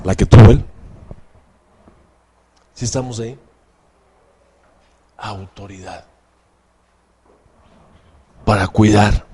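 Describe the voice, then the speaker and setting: A man's voice: lowish voice, steady tone, slow pace, pauses often, warm tone, a little hiss or hum. A man preaching a sermon as pastor, asking the congregation questions and acting out quoted voices.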